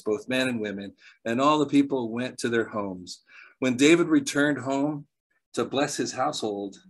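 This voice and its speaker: A man preaching a sermon, telling stories with bursts of excitement, laughter and quieter asides. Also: mid-range voice, poor audio. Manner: animated storyteller, laughs often, jumps between loud excitement and quiet asides.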